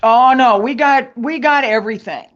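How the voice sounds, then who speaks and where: A woman, a guest author and martial arts teacher, chatting in an interview in a slow, measured way and laughing easily. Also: on the high side, fairly bright tone. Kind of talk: casual interview chat. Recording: dull lo-fi sound.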